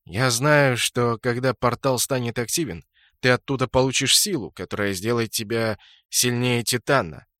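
A man playing a brash, loud male clan leader warrior who gets excitable and pushy. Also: medium pitch, moderate pace, no echo, clean studio sound, natural voice.

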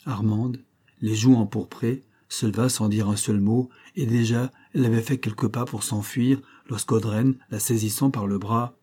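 A man narrating a classic novel as an audiobook in a measured, dramatic reading. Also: fairly low pitch, steady tone, warm tone, breathy edge.

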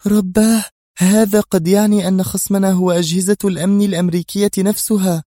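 A man's voice: sits high, flat delivery, dark tone, no room sound, clean studio sound, pitched above the performer's own voice, close to an everyday voice. A man doing an alarmed young woman. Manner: quick, alarmed.

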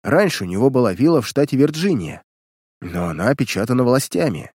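A man's voice: mid-range voice, big pitch swings, brisk, a little mellow, slightly rough, dry recording, studio quality. A man reading a terse captured spy. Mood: resigned. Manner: terse, reluctant answers. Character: captured male spy, proud but broken.

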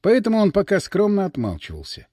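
Picture a man reading a story aloud with a lively, rising and falling voice. His pitch sits a little high, and he tells it with an ironic edge. The sound is dry and close to the mic. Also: brisk, no echo. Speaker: narrator. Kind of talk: scripted audiobook narration.

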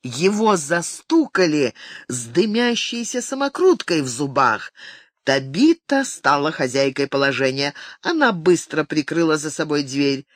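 An audiobook narrator reading a novel aloud, with expressive, animated delivery. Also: mid-range voice, unhurried, dry recording, clean studio sound. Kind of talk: scripted narration.

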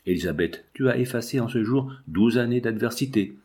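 An older father in exile speaks gravely, his firmness giving way to emotion, as a male reader voices him. His lines are low and weighty, as in a storybook recording. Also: lively intonation, brisk, darkish tone, natural voice. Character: older exiled father, proud yet deeply moved.

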